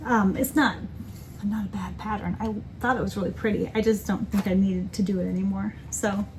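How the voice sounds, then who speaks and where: A woman's voice: on the high side, a little hiss or hum. A woman in casual chat as a crafting vlogger, rambling and correcting herself with many ums. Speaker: cross-stitch vlogger.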